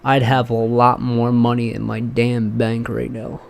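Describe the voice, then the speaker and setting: Casting: early-twenties male podcast host, loose and rambling, casual swearing, middling pitch. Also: monotone, measured pace, gravelly, a little hiss or hum. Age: 20s. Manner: rambling, profane, many fillers and restarts. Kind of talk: casual chat.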